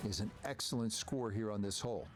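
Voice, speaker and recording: A man voicing a TV golf commentator in a video game, giving measured play-by-play calls. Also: fairly low pitch, close to an everyday voice. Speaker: golf commentator, lead announcer. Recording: loud music and crowd behind. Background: music, crowd, outdoor ambience.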